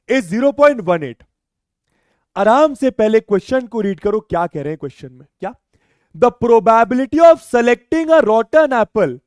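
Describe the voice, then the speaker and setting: A man's voice: extremely high pitch, clear, resonant tone, no echo, studio quality. A man teaching maths in a live online class, joking and teasing his students and mixing in English phrases.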